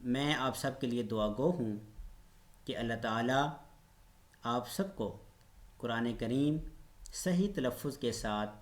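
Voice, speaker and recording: A man teaching an online Quran recitation lesson, patiently demonstrating each letter's sound. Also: medium pitch.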